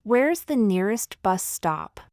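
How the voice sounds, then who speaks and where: Woman slowly reading practice phrases. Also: medium pitch, very animated, darkish tone, dry recording, clean studio sound. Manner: slow, deliberate, one phrase at a time. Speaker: language teacher. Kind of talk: reading example phrases for learners.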